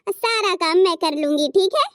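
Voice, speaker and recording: A patient, soft-spoken young daughter-in-law in a cartoon family drama, as a woman acts her out. She speaks very high and gently, giving advice. The recording is close and dry. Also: normal speed, no room sound. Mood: gentle. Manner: gentle, advising. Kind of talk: cartoon story voice acting.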